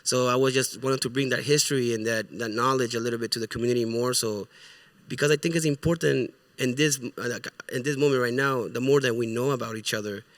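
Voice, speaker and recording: A man's voice: medium pitch, steady tone, fast, fairly bright tone, no echo, studio quality. A middle-aged man from Ecuador with a Spanish accent, a guest in a casual interview, speaking earnestly and searching for his words. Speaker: guest, music producer and artist.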